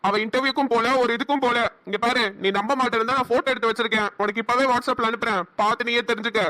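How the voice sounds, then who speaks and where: A woman's voice: fairly high pitch, steady tone, fast, pushed and bright. A woman with a Namakkal Tamil accent voicing an arrogant young male police officer who talks with scorn and threats in a cartoon. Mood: contemptuous. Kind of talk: cartoon voice acting.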